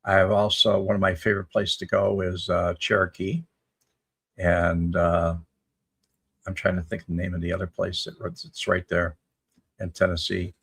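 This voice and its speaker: Gravelly-voiced man in his seventies. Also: low voice, flat delivery, normal speed, a bit bright. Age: 70s. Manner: rambling, folksy, reads comments aloud then replies. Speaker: livestream host answering chat. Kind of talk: casual live chat reading viewer comments.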